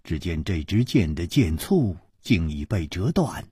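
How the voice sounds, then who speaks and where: A man narrating a martial-arts story with an animated, expressive delivery. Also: low-pitched, a little slow, slightly rough, dry recording, clean studio sound.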